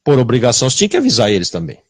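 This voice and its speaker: A man preaching a sermon with a Brazilian Portuguese accent, confrontational and full of rhetorical questions, swinging between loud bursts and hushed asides. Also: medium pitch, wildly swooping pitch, racing, no room sound.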